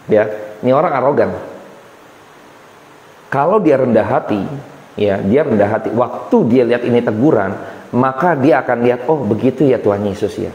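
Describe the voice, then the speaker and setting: Preacher in an echoing hall. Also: male voice, mid-range voice, muffled recording. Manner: casual, animated preaching with slang asides. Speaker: evangelist preacher. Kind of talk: sermon. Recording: echoey hall reverb.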